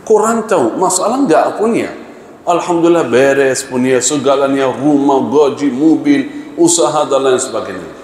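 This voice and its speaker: A man's voice: medium pitch, expressive, moderate pace, darkish tone. A man preaching a sermon in a large mosque. He asks the congregation rhetorical questions and acts out the people in his story. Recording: echoey mosque hall, faint ambience.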